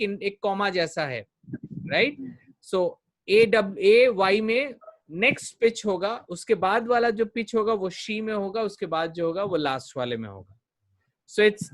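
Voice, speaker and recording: A man leads a vocabulary class at a very unhurried pace. He sounds out each word several times so students can copy the stress. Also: high-pitched, fairly bright tone. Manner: slow, drills pronunciation by repeating words. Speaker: communication coach.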